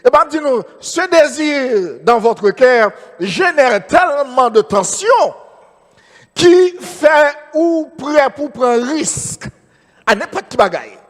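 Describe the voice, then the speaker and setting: A man's voice: very high-pitched, expressive, slow, fairly bright tone, in a large hall. A man with a Haitian Creole accent preaching a sermon as pastor, repeating phrases and calling out amen. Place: church.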